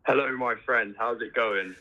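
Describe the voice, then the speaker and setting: A man's voice: medium pitch, normal speed, pushed and bright. A man calling into a show, chatting casually and tagging his sentences with little asides. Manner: chatty, tags sentences with "you see". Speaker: caller. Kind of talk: casual phone-in chat. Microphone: phone. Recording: dull phone line.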